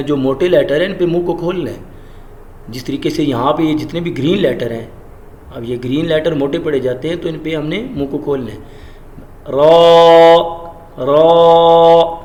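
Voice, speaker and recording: Male teacher, patient pronunciation lesson, stretched loud letter sounds, echoey room. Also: slight background noise. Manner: demonstrates letter sounds slowly and loudly, then explains in a lower voice. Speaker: Quran recitation teacher.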